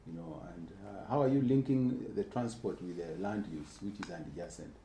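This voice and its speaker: Deep-voiced man speaking at a panel. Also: warm tone. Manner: halting, many uh fillers, earnest. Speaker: keynote speaker on urban planning. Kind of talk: panel discussion answer. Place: lecture room. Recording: echoey room, faint hiss.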